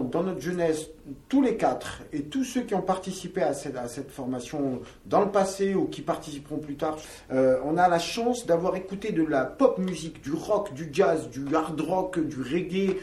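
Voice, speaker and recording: A man from Algeria talks at length about his band's music, pausing on fillers as he gathers his thoughts. His voice sits a bit high. The sound is roomy and comes from some distance off the mic. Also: expressive, a little mellow. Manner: talkative, searching for words with many fillers. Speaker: band member. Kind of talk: interview answers.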